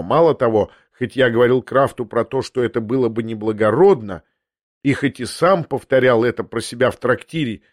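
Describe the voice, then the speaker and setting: A man reads a literary novel aloud in the first person, measured and reflective. His voice is mid-pitched and recorded dry and close, with no room sound. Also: no room sound. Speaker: audiobook narrator.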